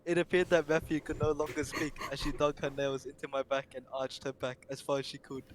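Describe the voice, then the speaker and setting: A man's voice: a little high, level tone, brisk, noisy background. A young man narrating an amateur comedic reading aloud, often stumbling over words and breaking into laughter.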